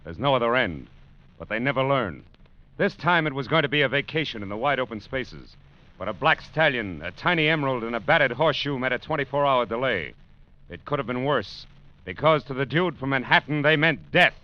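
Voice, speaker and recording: An American actor voices a world-weary, wisecracking private detective in the hard-boiled, sardonic style of 1940s-50s radio drama, delivering both acting and narration with a wry mood. His mid-range voice is animated, a little fast, and close to everyday speech, heard through a dull vintage radio recording with loud music behind.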